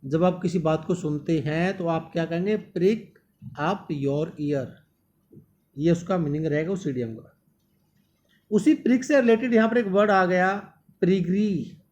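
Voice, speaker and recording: High-voiced man teaching vocabulary. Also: unhurried, darkish tone, dull audio. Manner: repeats words often and calls the students "my dear". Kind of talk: exam-prep vocabulary lesson.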